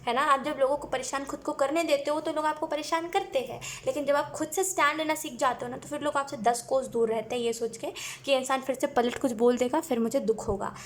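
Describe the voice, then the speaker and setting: A woman with a high voice gives a casual tarot reading. She talks in a chatty way, laughs often and slips English phrases into her speech. Faint room ambience hums behind her. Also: a little hiss or hum. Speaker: tarot reader.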